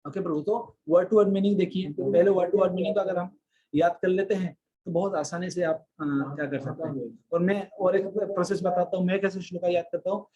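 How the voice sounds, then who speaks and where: A man's voice: high voice, steady tone, dark tone, breathy edge, muffled recording. Man teaching with chanted verses. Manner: explains patiently, chants verses in a slow sing-song. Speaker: presenter teaching shloka memorisation. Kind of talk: devotional teaching talk.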